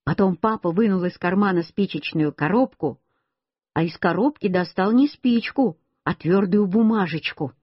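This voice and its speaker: A woman's voice: medium pitch, normal speed, husky, no echo. A woman reading a children's story aloud, telling it in the first person as a little boy. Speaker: reader. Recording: dull lo-fi recording.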